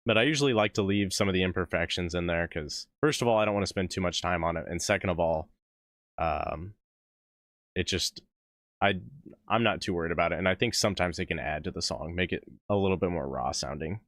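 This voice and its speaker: Hoarse-voiced man chatting on a live stream. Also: low-pitched, a little fast, a bit bright, dry recording, studio quality. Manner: rambling, self-interrupting, laughs often. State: losing his voice. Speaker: music reaction streamer. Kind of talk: casual live-stream chat.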